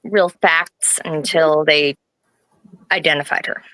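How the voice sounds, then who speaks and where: A nervous woman in her late twenties, an interview guest who talks in a halting way, with many restarts. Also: deep voice, steady tone, a bit bright, no echo, rough recording. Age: 20s. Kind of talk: personal interview.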